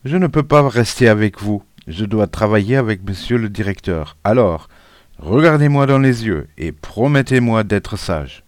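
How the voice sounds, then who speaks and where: A man's voice: fairly low pitch, animated, normal speed, dry recording, clean studio sound, close to an everyday voice. A man voicing a stern, suspicious school supervisor who gives commands.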